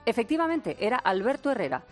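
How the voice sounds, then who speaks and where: A woman's voice: fairly high pitch, sing-song, fast, faint music behind. A woman radio host delivering a humorous diary column in a wry, playful manner.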